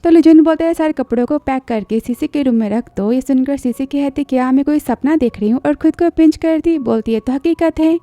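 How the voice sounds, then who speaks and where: A woman's voice: sits high, fairly quick, few pauses, dark tone, no room sound. A woman narrating a drama recap in a chatty storytelling way, briefly acting out the characters' lines.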